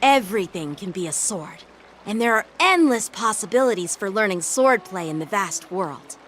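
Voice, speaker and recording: Woman voicing a confident, lively boy sword master. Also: mid-range voice, normal speed, a little hiss or hum, lightly acted. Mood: approving. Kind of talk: anime-style video game voice acting.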